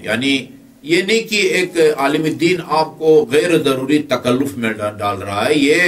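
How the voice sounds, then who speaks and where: A man's voice: mid-range voice, a bit bright, distant mic. A middle-aged man from Pakistan teaching a Hajj training class, explaining step by step with many filler sounds. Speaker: religious teacher.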